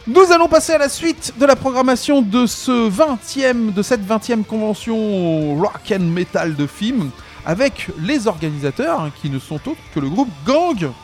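High, lively-voiced male radio host. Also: measured pace, faint music behind. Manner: jokey and laughing, with wordplay. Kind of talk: casual radio banter.

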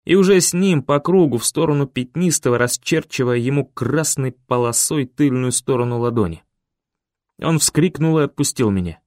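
Expressive male audiobook narrator. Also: mid-range voice, normal speed, dry recording, clean studio sound. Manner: steady, expressive reading. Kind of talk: scripted narration.

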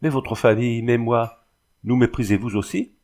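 A man's voice: mid-range voice, normal speed, a little mellow, lightly acted. A man reading the lines of a suspicious young man who pleads and insists with his cousin. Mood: accusing.

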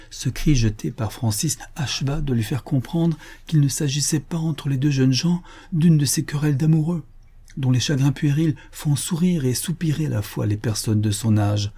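A man narrating a classic novel as an audiobook, in a measured, expressive way. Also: medium pitch, slightly rough.

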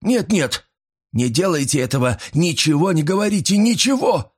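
A man voicing a nervous old male pawnbroker who pleads breathlessly, rising into shrill panic. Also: animated, measured pace, darkish tone, slightly rough. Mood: panicky.

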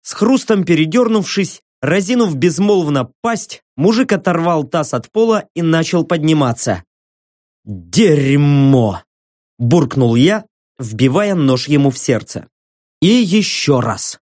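A man reading a first-person story aloud in a slow, deliberate, grim way. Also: fairly high pitch, lively intonation, darkish tone, dry recording, studio quality. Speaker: audiobook narrator. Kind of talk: first-person fiction narration.

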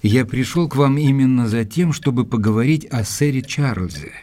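An actor playing Doctor Watson, a courteous, persistent gentleman, narrating and speaking in a measured, formal way in an audio drama. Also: medium pitch, expressive, lightly acted. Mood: polite, probing.

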